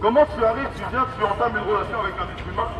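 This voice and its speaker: A man preaches an evangelistic street sermon through a megaphone on an urban street, emphatic, repetitive and exhorting. His voice is high-pitched and racing, and the recording is distant and noisy, with street traffic.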